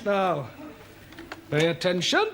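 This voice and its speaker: A man's voice: high-pitched, sing-song, takes it slowly, creaky, a bit bright, a little hiss or hum, exaggerated voice. An actor playing a patient young male English teacher with a dry, wry way of speaking.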